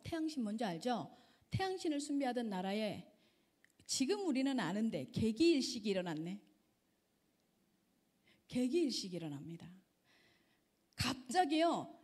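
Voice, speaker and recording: A middle-aged woman missionary preaches to a youth group with a high, lively voice. She keeps throwing questions at her listeners and swings her pitch widely. Her delivery is animated and engaging. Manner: animated, keeps quizzing the audience. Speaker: missionary guest speaker.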